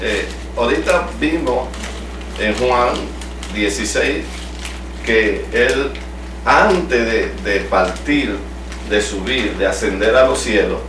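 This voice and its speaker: Taking his time, a middle-aged Salvadoran pastor speaks in a mid-range voice with lively intonation and a Salvadoran Spanish accent. He's teaching a home Bible study and questioning the group. The recording comes from a camera across the living room, sounding distant and echoey with a slight hum.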